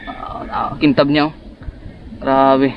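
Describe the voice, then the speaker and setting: A man talks his viewers through a fishing outing outdoors, chatty and easygoing, with sudden excited outbursts. The sound is muffled and lo-fi, like an onboard camera mic, with a faint hiss in the background. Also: mid-range voice, slow. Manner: excited bursts, chatty, addresses viewers as guys. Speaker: vlogger. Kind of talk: casual fishing vlog narration. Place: outdoors by the water, rural.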